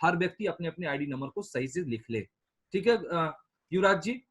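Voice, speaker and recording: A man with a notably high voice runs an online staff meeting, walking listeners through the rules step by step. He is patient and repeats key points so that everyone can follow. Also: animated, normal speed, fairly bright tone, husky. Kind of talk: instructing over a call.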